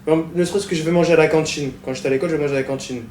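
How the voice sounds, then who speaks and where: A man in his twenties speaking in a casual group discussion, quick and animated, with many fillers. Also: on the high side. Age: 20s. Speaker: discussion participant. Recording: echoey room with faint noise.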